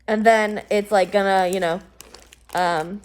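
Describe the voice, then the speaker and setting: A woman's voice: mid-range voice, fairly even intonation, unhurried, clear, resonant tone. Young woman, casual student chat, rambly and swears freely. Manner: rambling, filler-heavy, frequent swearing. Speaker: student planning a skit.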